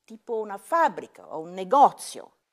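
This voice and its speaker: A woman's voice: medium pitch, sing-song, moderate pace. A woman in a comic sketch, taunting theatrically and in a mocking way.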